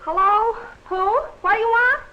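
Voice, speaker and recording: A woman's voice: extremely high pitch, a little slow. A woman playing a curt, impatient person answering the phone in a 1940s instructional film. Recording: dull old film soundtrack with clear hiss.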